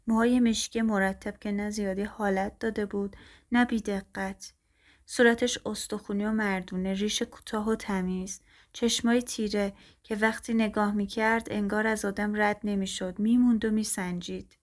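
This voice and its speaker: A woman tells a first-person story at a mid pitch, calm and even. Her reading is steady and scripted, like a narrated audiobook.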